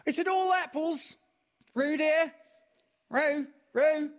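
A man's voice: very high-pitched, slow pace, pitched above the performer's own voice. A man doing anxious mother Kanga. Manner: anxious, calling out.

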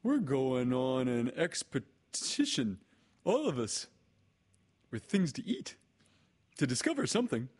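A man voicing a naive, cheerful toy bear with a husky voice and an eager, muddled manner in a children's storybook. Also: mid-range voice, very animated, a little slow, darkish tone, voice pushed up. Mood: excited.

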